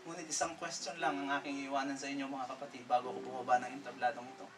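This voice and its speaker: A man preaching a sermon from a stage, telling a story dramatically, rising to loud exclamations and dropping to hushed lines. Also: mid-range voice, level tone, racing, far from the mic, noisy background. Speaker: pastor. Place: stage before an audience.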